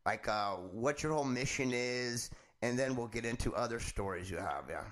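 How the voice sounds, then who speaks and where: A man's voice: mid-range voice, lively intonation, normal speed, fairly bright tone. A man hosting a casual podcast, laid-back and profane, mostly tossing in short remarks. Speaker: host.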